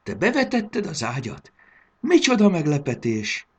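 A man voicing a fussy, affectionate old grandmother who calls out loudly in a storybook reading. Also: fairly low pitch, very animated, breathy edge, heavily acted. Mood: fondly exclaiming. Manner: scolding yet affectionate, loud calls. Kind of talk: audiobook character voice.

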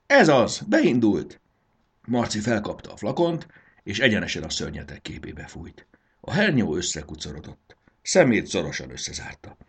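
A man narrating a children's story in an expressive, animated reading. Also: deep voice, husky.

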